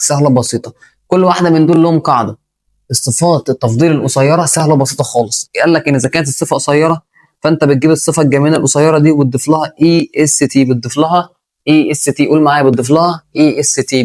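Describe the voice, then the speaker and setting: A man's voice: medium pitch, darkish tone. A man with an Egyptian Arabic accent teaching an English grammar lesson, talking straight to the student and repeating key points.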